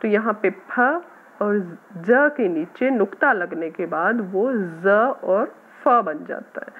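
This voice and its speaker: A woman's voice: medium pitch, husky. Woman teacher on tinny phone-like audio. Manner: patient, addresses students as "beta", repeats words slowly. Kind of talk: Hindi grammar lesson for schoolchildren.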